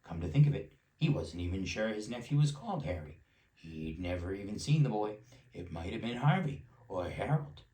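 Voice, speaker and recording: A dad reads a bedtime storybook aloud in a relaxed, unhurried way. His voice is low and deep. The sound is roomy, with the mic at a distance and faint noise behind him. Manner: relaxed, breaks off to chat with child. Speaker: parent reading a bedtime story.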